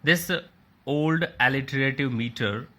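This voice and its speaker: A man lecturing on literature at an unhurried pace. His voice is bright and clear, and he repeats each definition in new words. He points his listeners through examples on a slide. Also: mid-range voice. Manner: slow, explains by restating and rephrasing.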